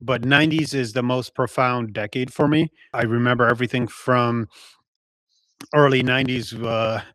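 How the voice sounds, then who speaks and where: A man in his forties, born in Poland and a native Polish speaker, thinking back in a measured, hesitant way as a podcast guest. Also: mid-range voice, fairly even intonation, fairly bright tone, dry recording. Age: 40s. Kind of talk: casual interview.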